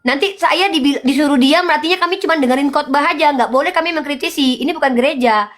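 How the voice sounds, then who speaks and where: A woman's voice: high voice, fast, a bit bright. A woman arguing in a heated debate, lecturing insistently and pressing the same questions again and again.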